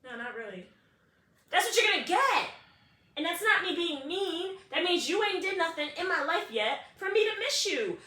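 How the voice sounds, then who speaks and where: Animated high-voiced woman chatting on a podcast. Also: moderate pace, reverberant, recorded from a distance. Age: adult with a child. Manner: animated, laughing, emphatic repetition. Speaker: podcast co-host. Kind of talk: casual podcast chat.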